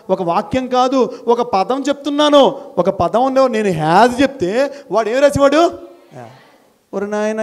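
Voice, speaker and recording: A man giving a motivational talk to college students, animated and teasing, scolding them now and then and dropping English phrases into his speech. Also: high voice. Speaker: motivational speaker. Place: college hall.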